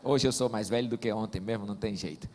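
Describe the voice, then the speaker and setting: A man's voice: fairly low pitch, quick pace, a little hiss or hum. A man, preaching as a pastor and telling stories in a folksy, joking way. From Northeast Brazil. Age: 40s. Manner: warm joking storyteller, folksy asides. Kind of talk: sermon. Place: church sanctuary. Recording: long church-hall reverb.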